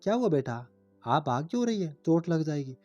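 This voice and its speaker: A man voicing a gentle, loving young father in a family story. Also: on the high side, sing-song, brisk, no echo, muffled recording, faint music behind. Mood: tender.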